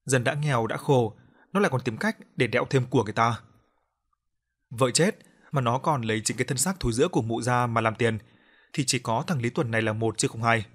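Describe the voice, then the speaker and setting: A man's voice: medium pitch, brisk. A male audiobook narrator telling a story in a colloquial way, breaking in with scornful, cursing asides.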